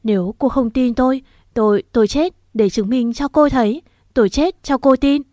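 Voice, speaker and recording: A distraught young woman, put on by a female narrator pleads through choked tears. The tone is mellow and soft-edged, recorded dry and close. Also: sits high, moderate pace, dry recording, voice pushed up, close to an everyday voice. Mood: desperate. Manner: tearful, begging, voice choked.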